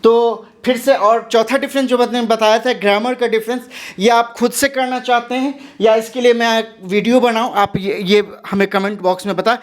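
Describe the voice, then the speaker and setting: A male teacher from India hosts his own language lesson. He talks slowly and patiently, repeating each word aloud so the difference in sound stands out. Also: extremely high pitch, steady tone. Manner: slow, patient explaining, repeating words aloud to contrast them. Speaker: English teacher, channel host.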